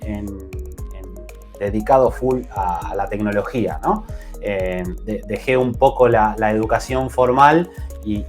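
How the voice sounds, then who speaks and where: A man from Argentina with a Buenos Aires accent, speaking as a podcast guest in casual chat, halting and full of restarts and fillers. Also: mid-range voice. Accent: Buenos Aires Spanish.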